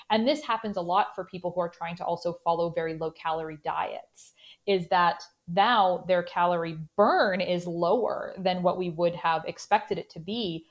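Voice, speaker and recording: A woman with a Canadian accent, a sports dietitian guest on a podcast interview, explaining steadily with frequent "you know" fillers. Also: on the low side.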